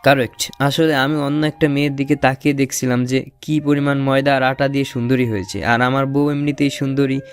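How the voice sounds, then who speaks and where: A man's voice: mid-range voice, level tone, brisk, hardly any pauses, clear, resonant tone, soft background music. A young man narrating an audio romance story in first person, playful and teasing. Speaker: narrator and lead voice actor.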